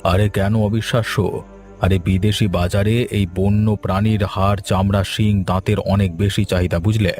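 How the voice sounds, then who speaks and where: A man's voice: on the low side, flat delivery, fairly quick, darkish tone, soft background music, natural voice. A man voicing a scheming village headman in a cartoon, boastful and conspiratorial. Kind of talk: cartoon voice acting.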